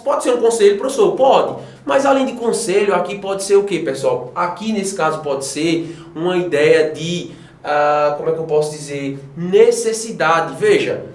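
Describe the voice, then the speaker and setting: A Brazilian man teaching an English grammar lesson, animated and often checking in with his students. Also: high voice, echoey room. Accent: Brazilian Portuguese. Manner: animated, addresses students directly with frequent checks. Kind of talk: classroom lesson explaining grammar.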